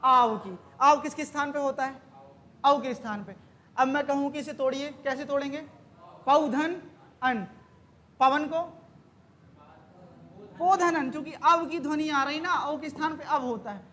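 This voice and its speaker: A woman's voice: sits high, a little slow, long pauses, fairly bright tone. A woman teaching an exam-prep grammar lesson, quizzing the class with questions that she then answers herself.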